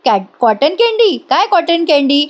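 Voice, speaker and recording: A woman voicing an irritated young wife who snaps out quick questions. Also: high-pitched, sing-song, voice pushed up. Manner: snapping, rapid questions.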